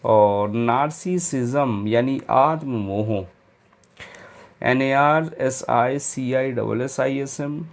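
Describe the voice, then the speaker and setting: A man's voice: mid-range voice, slow, vocal fry. A man teaching English spelling for exam preparation, spelling each word out letter by letter with informal asides. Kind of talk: exam-prep spelling lecture.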